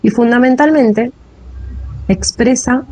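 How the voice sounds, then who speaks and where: A woman's voice: fairly high pitch, slow pace, dark tone, rough recording. A woman with a Rioplatense Spanish accent giving a classroom lecture on linguistics, often checking in with a rising "¿sí?". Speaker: teacher.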